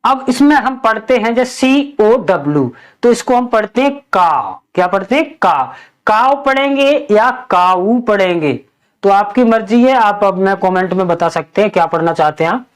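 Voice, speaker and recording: A woman teaching English spelling in a slow lesson, spelling out letters one by one and asking and answering her own questions. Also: mid-range voice, expressive.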